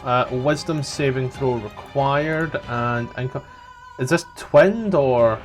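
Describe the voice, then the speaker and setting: A man's voice: medium pitch, takes it slowly. A man running a tabletop game as game master, narrating casually with joking, profane asides. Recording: music playing behind. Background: background music.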